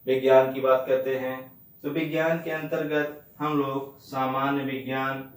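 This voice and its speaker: A man's voice: mid-range voice, level tone, measured pace. Man lecturing in an echoey classroom. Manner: repeats key words, asks and answers own questions. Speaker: teacher. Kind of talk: exam-prep lecture. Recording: echoey room, mic at a distance.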